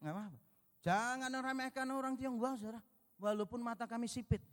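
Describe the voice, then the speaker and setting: A man's voice: extremely high pitch, brisk, a bit bright. A man from Indonesia preaching a sermon to a congregation, telling stories, acting out dialogue and joking with the crowd. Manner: storytelling, acts out dialogue, jokes with congregation. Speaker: pastor. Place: large church hall. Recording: long church reverb.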